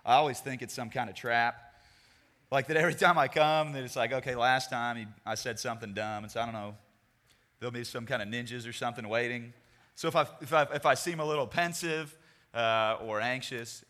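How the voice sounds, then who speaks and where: Joking young male youth speaker, bright voice. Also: medium pitch. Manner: joking, rambling, self-deprecating. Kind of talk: casual youth sermon. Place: large meeting room with a crowd. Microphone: handheld microphone. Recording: hall reverb.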